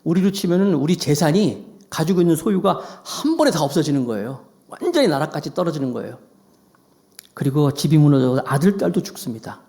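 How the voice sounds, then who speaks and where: A man preaching a Sunday sermon as pastor, animated, acting out quoted voices. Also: a little high, a little fast.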